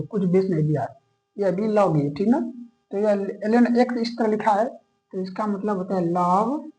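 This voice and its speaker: A man with a high-pitched, slightly mellow voice teaches a maths lesson in a classroom lecture, captured on a low-quality recording. He patiently explains each step, mixes English maths terms into his sentences, and constantly checks in with "okay?" to make sure students are following.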